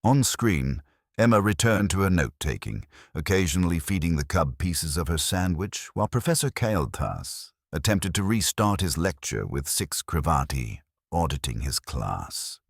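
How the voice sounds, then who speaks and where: A man narrating a sci-fi story in a measured, dramatic storytelling manner. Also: sits low, very animated, breathy edge, no room sound, studio quality.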